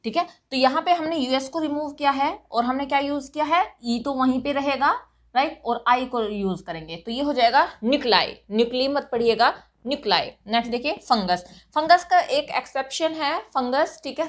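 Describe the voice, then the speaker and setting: A woman with an Indian accent, teaching English grammar for competitive exams, explaining patiently and checking in often. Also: high-pitched. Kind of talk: exam-prep grammar lesson.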